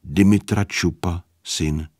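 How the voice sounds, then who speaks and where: A man's voice: deep voice, fairly even intonation, darkish tone, husky, no echo, clean studio sound. A man voicing a meek, devout peasant who speaks humbly and with resignation, in a storybook reading. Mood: humble.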